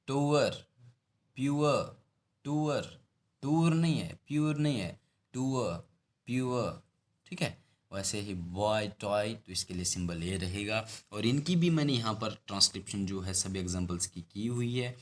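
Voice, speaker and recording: Low-voiced man teaching phonetics. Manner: explains slowly, repeats and stretches example words. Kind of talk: phonetics lesson.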